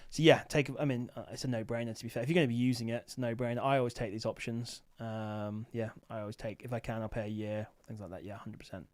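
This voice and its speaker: A man's voice: mid-range voice, steady tone, fast talker, hardly any pauses, darkish tone. A man hosting a late-night livestream, chatting casually and thinking aloud with many fillers, sounding tired. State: tired, sleepy. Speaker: livestream host, Amazon seller.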